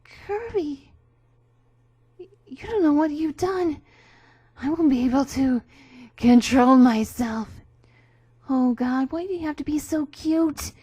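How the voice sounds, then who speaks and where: A woman's voice: very high-pitched, animated, a little slow, hardly any pauses, warm tone, pitched above the performer's own voice. A woman voicing a flustered, besotted male masked warrior in a melodramatic, hammy stage-actor manner for a dramatic story reading. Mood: desperate, pleading.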